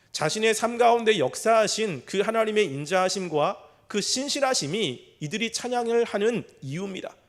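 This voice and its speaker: A male preacher, notably high-pitched for a man, delivers an expository sermon. He proceeds in a measured way, explaining each point with formal, polite phrasing.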